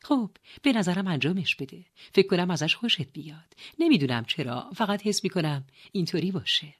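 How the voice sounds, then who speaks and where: Woman reading young sister, encouraging and insistent, audiobook dialogue, lower pitch. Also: lively intonation, breathy edge.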